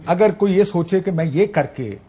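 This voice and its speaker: Tv host guy, bit husky, fires direct questions at guests. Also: high-pitched, dark tone. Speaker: talk-show host. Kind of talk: TV talk-show interviewing.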